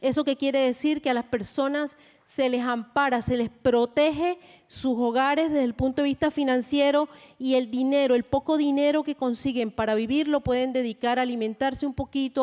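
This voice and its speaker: Colombian woman panelist, raised pitch, measured delivery, reverberant hall sound. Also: a little mellow. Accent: Colombian Spanish. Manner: measured, deliberate, with frequent fillers. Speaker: panel speaker. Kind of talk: conference presentation. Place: large conference hall.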